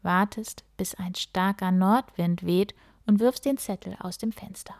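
A woman reading a storybook aloud and voicing a mother who explains things calmly. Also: medium pitch, unhurried, no room sound, clean studio sound, natural voice. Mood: explaining. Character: calm, matter-of-fact mother.

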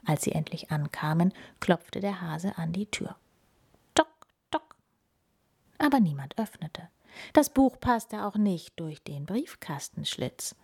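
A woman in whispered story reading, telling a children's story aloud in a slow, hushed way. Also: on the low side, expressive, creaky, slightly rough.

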